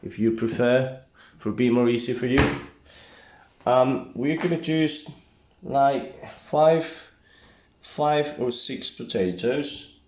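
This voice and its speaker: A man with a Basque accent and non-native English gives a casual, halting, step-by-step cooking tutorial as an amateur home cook. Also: mid-range voice, darkish tone. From Basque Country. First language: not English. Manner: halting, step-by-step, often checking with "okay?". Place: home kitchen, indoors. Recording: echoey room, background hiss and clicks.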